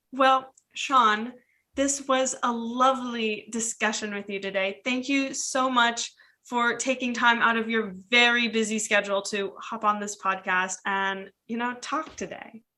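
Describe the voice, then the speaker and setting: Woman podcast host, bright and highish, chatty. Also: fairly even intonation, unhurried. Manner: chatty, scripted segment intros. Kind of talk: casual podcast conversation.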